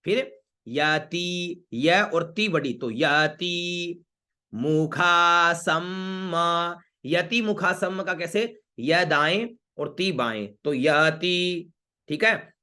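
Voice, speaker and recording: A man teaching Vedic mantra pronunciation in an online class, breaking words into syllables and then chanting each phrase slowly. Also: fairly high pitch, lively intonation, sharp tone.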